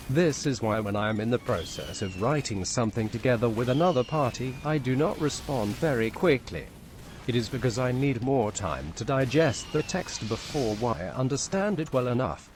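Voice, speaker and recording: A synthetic text-to-speech male voice reading a written story aloud in a flat, even machine delivery. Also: medium pitch, slight background noise. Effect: synthetic text-to-speech computer voice.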